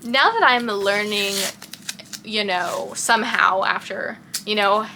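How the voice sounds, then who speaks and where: A woman's voice: mid-range voice, takes it slowly, sharp tone, a little hiss or hum, rough recording. A young woman from Texas with a light Texan accent, rambling in casual chat in her bedroom and often losing her train of thought. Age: young adult. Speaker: vlogger.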